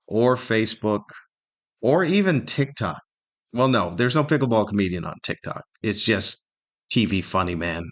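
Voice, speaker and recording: On his solo podcast, a middle-aged American comedian talks in a casual, wandering, conversational style, now and then voicing imagined remarks. His voice sits lowish and sounds a bit bright.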